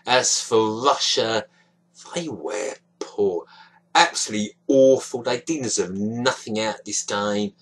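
A man's voice: fairly low pitch, measured pace, fairly bright tone, low-quality recording. A young man giving a frustrated, disappointed football match reaction into a webcam in a small dim room. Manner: frustrated, disappointed, gestures a lot with hands. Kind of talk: casual webcam commentary. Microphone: webcam at close range.

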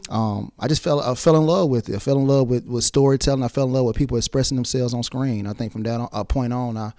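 A man's voice: mid-range voice, fast, a little mellow, no echo, studio quality. A young man from the Atlanta area, talking loosely as an interview guest and saying "you know what I'm saying" a lot, into a handheld mic. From South Side of Atlanta area. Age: young adult. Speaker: rapper and actor, interview guest. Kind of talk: casual interview.

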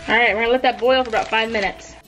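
A woman vlogger chatting casually through a cooking and eating challenge, reacting with lively exclamations. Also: a little high, racing. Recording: roomy echo, faint noise.

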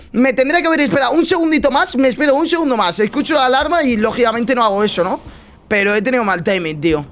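A man from chatting casually over gameplay, just woken up, slangy and prone to loud teasing shouts. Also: sits high. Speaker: gaming streamer.

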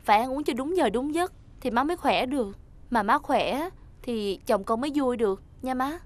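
A woman's voice: high-pitched, lively intonation, moderate pace. An actress playing a daughter-in-law who speaks with false sweetness to her mother-in-law, in a TV drama. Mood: falsely sweet. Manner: falsely sweet, then curt.

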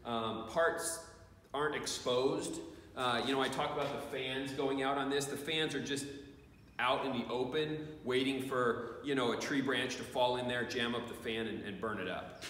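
Recorded by a distant camera in a large, echoey farm shed, this forties-aged man reviews equipment in a plain, meandering way, restarting often and leaning on fillers. His pitch is medium and slightly bright, his pace moderate, and a faint background noise sits under his distant voice.

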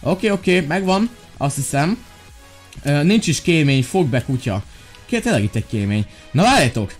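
A young man from Hungary playing Minecraft, joking around and shouting commands in playful role-play with lots of fillers. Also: fairly high pitch, sing-song, husky, faint music behind. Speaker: gaming YouTuber.

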